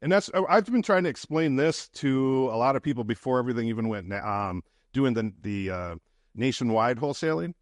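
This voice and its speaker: A man from the Midwest talks through his business story in a folksy, chatty way, swinging between stories and asides. His voice sits in a middle pitch, and it is recorded close and dry with no room sound. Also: animated, a little fast, dry recording. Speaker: podcast guest, real estate investor. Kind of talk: casual interview chat.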